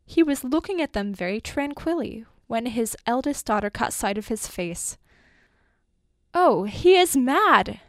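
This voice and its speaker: A woman narrates a story in a measured, expressive reading voice that lingers over each phrase. Her voice sits somewhat high, and the recording is dry and close with no room sound. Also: no room sound.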